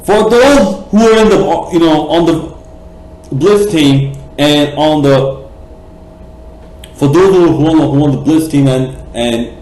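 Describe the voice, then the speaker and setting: A man's voice: on the high side, slow pace, darkish tone. Passionate rambling man, echoey room. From Bangladesh. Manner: passionate, rambling, many fillers and restarts, blunt and profane. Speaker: cricket vlogger. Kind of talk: opinionated vlog rant.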